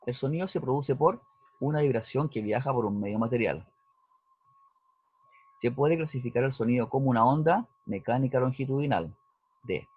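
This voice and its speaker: A male physics teacher, talking through a recorded lesson and often checking in with his students. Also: mid-range voice. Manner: explanatory, checks in with "¿cierto?" and "¿ya?". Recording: dry, husky, phone-like narrowband audio.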